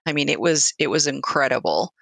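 Bright-voiced woman, a hospice nurse telling stories. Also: low-pitched, lively intonation, brisk, gravelly, faint music behind. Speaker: hospice nurse, interview guest. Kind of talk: conversational storytelling.

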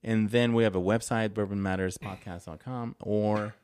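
A man's voice: fairly low pitch, fairly even intonation, moderate pace, darkish tone, smooth, no room sound. A man co-hosting a podcast in casual chat, joking, rambling and laughing often. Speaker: podcast co-host.

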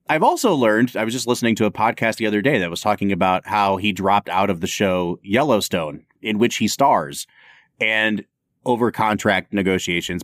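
A man's voice: on the low side, no room sound, studio quality. A man co-hosting a podcast, chatting casually and opinionatedly about a film, laughing often. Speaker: podcast co-host.

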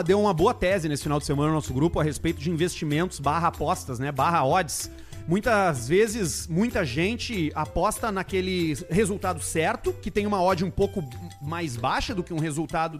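A man's voice: high-pitched, expressive, fairly quick, faint music behind. A man hosting a live podcast in casual, slangy chat peppered with swearing. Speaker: podcast host.

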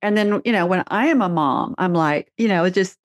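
Brisk and lowish, a middle-aged woman hosts a podcast, drawing on her work as a therapist and author. She's a chatty storyteller who laughs readily in casual conversation, recorded close and dry.

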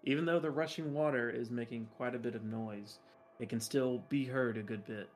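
A man, narrating a tabletop game as game master in a relaxed, easygoing way. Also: mid-range voice, normal speed, soft background music.

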